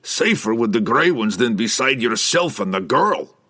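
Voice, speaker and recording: A man voicing a gruff, grumbling dwarf warrior in an audiobook, growling in a rough dialect. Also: mid-range voice, big pitch swings, normal speed, sharp tone.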